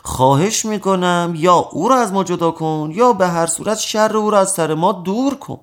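A man's voice: high voice, voice pushed up, natural voice. A man voicing fed-up prisoners pleading to a judge in a storybook tale, his voice raised and pleading. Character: weary complaining prisoners, pleading.

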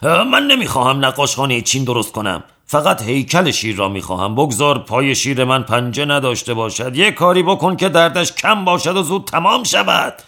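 A man's voice: medium pitch, animated, hardly any pauses, sharp tone, pitched above the performer's own voice. A man voicing a boastful strongman who whines and yelps at the pain of a tattoo needle. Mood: exasperated. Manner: yelping, whining complaints. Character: boastful adult male strongman, cowardly about pain.

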